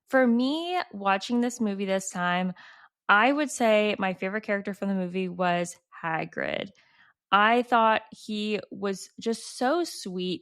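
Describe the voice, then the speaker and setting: Woman host, casual and fond, smooth clear voice, mid pitch. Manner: enthusiastic, fond, many fillers. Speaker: podcast host, film reviewer. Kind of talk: casual chat.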